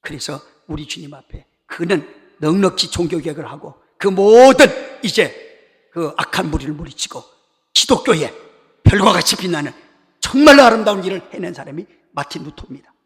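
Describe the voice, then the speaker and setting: A man's voice: sits high, lively intonation, a little fast. A male pastor preaching an Easter sermon with emphatic, repetitive exhortations to his congregation. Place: church sanctuary. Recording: reverberant church hall.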